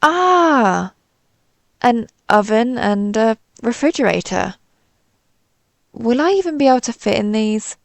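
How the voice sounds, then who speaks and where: In a scripted audio roleplay, a woman plays a timid, suspicious alien pizza slice who rambles hesitantly and puts herself down, sounding curious and pleased. Her slightly high voice is gravelly and darkish, with lively intonation at a moderate pace and no echo.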